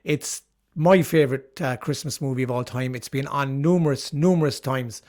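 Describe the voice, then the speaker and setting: A man's voice: medium pitch, normal speed, a little mellow. A middle-aged man hosting his own channel, talking casually and enthusiastically about favourite films, with frequent fillers and restarts. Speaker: channel host reviewing films. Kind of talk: casual video commentary.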